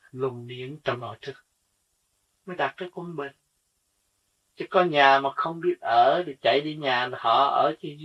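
Husky-voiced man preaching in a distant, lo-fi recording. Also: mid-range voice, fairly bright tone. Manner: earnest teaching with rhetorical questions. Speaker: spiritual teacher. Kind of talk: sermon.

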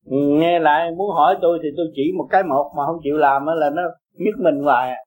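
A man teaching Buddhism in a high, carrying voice. He talks bluntly and emphatically, pushing and coaxing his listeners by turns. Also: steady tone, quick pace, a little mellow, low-quality recording. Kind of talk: blunt Dharma talk to followers.

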